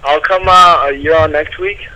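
A young man calling in to a radio show, heard over a speakerphone held up to the studio microphone, talking in an offhand, relaxed way. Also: on the high side, a little slow. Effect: heard over a speakerphone held to the studio mic. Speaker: caller. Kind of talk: casual chat. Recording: distant speakerphone call with background chatter.

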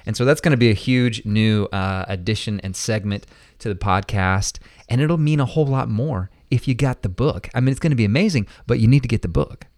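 Playful man with a low voice. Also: a little fast, few pauses, a little mellow, dry recording, clean studio sound. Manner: playful, teasing banter. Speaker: podcast co-host. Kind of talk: casual podcast chat.

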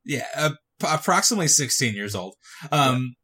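A man's voice: mid-range voice, big pitch swings, a little fast, bright, forceful tone, breathy edge. A man hosting a podcast, recapping a TV movie scene by scene with dry sarcasm. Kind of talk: casual comedic recap.

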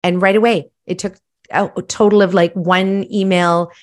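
Woman guest, middle-aged, from Malawi; deep-set voice; lively, reflective storytelling. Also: normal speed. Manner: animated, self-reflective storytelling. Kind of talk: casual storytelling.

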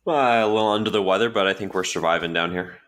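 A man co-hosting a podcast while congested with a cold, chatting in a relaxed, apologetic way. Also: deep voice, fast. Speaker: podcast co-host. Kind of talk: casual podcast chat.

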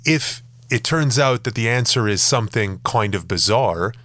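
A man co-hosting a podcast in casual chat, joking around with frequent swearing and quick asides. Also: fairly low pitch, lively intonation, a bit bright, no room sound. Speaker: podcast co-host.

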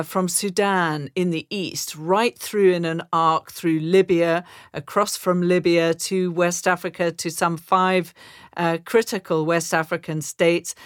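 A woman from Zambia co-hosting a current-affairs podcast, giving measured, thoughtful analysis with occasional restarts. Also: on the low side, clear, resonant tone, no echo, clean studio sound. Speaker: podcast co-host.

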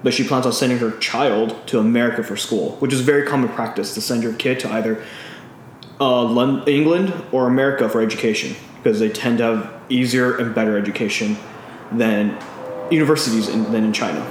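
His mid-range voice is steady and fairly quick. This California podcast co-host casually recounts a movie in long detail, stumbling through ums and fresh starts, recorded in a heavily echoing room with a little noise.

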